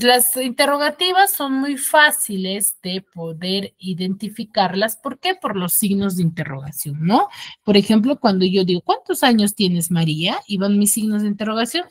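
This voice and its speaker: Woman teacher in an online class, lively pitch swings, explains patiently and keeps asking pupils if they follow. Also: moderate pace. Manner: explains step by step, asks pupils checking questions. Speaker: schoolteacher.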